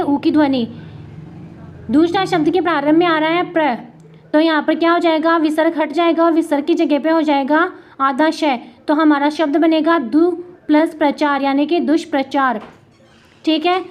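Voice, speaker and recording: Female tutor, high voice, Rajasthani accent, patient self-questioning classroom delivery, dull lo-fi recording. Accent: Rajasthani Hindi. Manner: asks and answers her own questions; spells out letters slowly. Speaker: Hindi grammar tutor. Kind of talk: classroom lesson.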